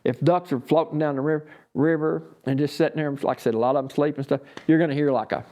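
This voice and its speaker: A man's voice: a little high, fairly even intonation, quick pace, mellow. A man with a Southern US accent giving an informal, unscripted hunting lesson in a folksy, rambling way. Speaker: duck calling instructor and champion.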